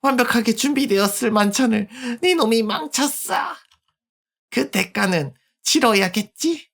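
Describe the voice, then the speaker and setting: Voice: mid-range voice, animated, unhurried, vocal fry, a bit bright, pitched above the performer's own voice. A streamer voicing a haughty, menacing predator in the form of a little girl in a video game. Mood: cold fury.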